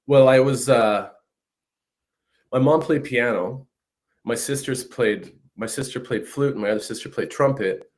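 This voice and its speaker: A man's voice: medium pitch, unhurried, darkish tone. A man in his fifties from northern Saskatchewan, a guest musician chatting casually over a video call and often adding "you know what I mean". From Canada, northern Saskatchewan. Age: 50s. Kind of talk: casual interview chat. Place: home room, video call. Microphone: video call mic.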